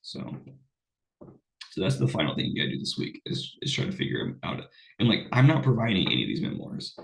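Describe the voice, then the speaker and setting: A man's voice: deep voice, huge pitch swings, brisk, creaky. A man, a college English instructor, giving a casual recorded online lecture while unwell, rambling with fillers and restarts. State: unwell, voice sounds off.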